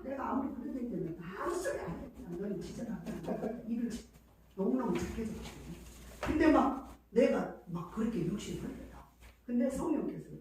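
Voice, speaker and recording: A woman's voice: on the high side, darkish tone, a little hiss or hum. A middle-aged woman pastor preaching a sermon, telling stories emotionally with many fillers. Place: church sanctuary. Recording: echoey hall from far off.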